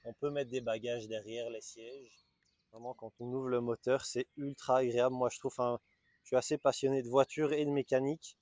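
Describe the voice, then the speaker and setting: Fairly quick and a little mellow, a medium-pitched man with a Belgian French accent presents a car with little pitch movement. His walkaround is enthusiastic and chatty, full of hesitant restarts, recorded with no echo on a small camera-mounted mic.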